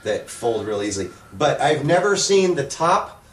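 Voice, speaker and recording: A man's voice: mid-range voice, very animated, moderate pace, slight background noise. A man co-hosting a casual wrestling review, joking as he recaps moves in detail. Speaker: co-host of a wrestling review show. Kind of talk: casual sports review chat. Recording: roomy, distant microphone.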